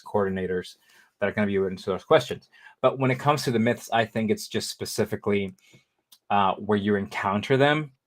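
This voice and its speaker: A man in his thirties with a lowish voice rambles through a casual conversational interview, full of fillers and restarts. He is the guest, a living kidney donor.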